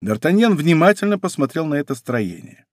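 A man narrating an adventure novel in an expressive, dramatic reading. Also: on the high side, a little fast, no room sound, studio quality. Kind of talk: audiobook narration.

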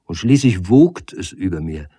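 A man reading a literary novel aloud in a measured way that grows animated in vivid passages. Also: sits low, slightly rough, no room sound. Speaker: audiobook reader.

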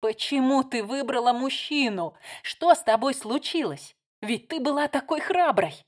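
A woman's voice: a little high, normal speed, lightly acted. A woman reading a novel aloud, voicing a heated, insistent younger sister. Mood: exasperated.

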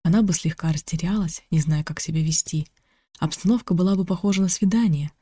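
A narrator reading a novel aloud in an audiobook at a steady, even pace. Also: mid-range voice, fairly quick, slightly rough, no echo. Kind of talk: scripted narration.

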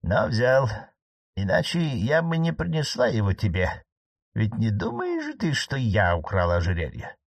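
A man reading an audiobook, voicing a calm, gently mocking elderly aristocratic aunt, a marquise. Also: fairly low pitch, normal speed, no echo, muffled recording, full character voice. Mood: calmly reasoning.

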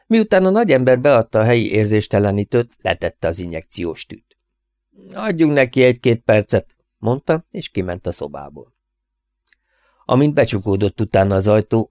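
A man with a low, gravelly voice reads a humorous first-person story aloud. His delivery swings widely in pitch as he tells it. The recording is dry and close, with no room sound. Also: darkish tone, no echo. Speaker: audiobook narrator. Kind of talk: first-person audiobook narration.

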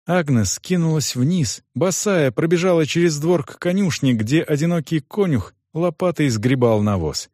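A man reading a fantasy audiobook in a measured, expressive storytelling manner. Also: a little high, no echo, studio quality. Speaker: audiobook narrator. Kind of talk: scripted audiobook narration.

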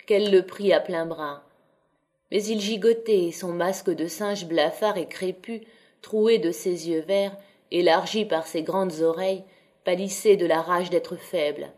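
A woman narrating a classic novel as an audiobook, reading in a measured, even, descriptive way. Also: fairly low pitch. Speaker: audiobook reader.

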